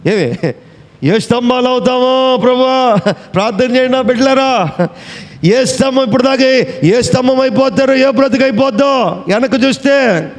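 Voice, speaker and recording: Male preacher, high pitch, questioning and scolding the congregation, echoey hall. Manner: scolding, mocking. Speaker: pastor. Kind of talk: sermon.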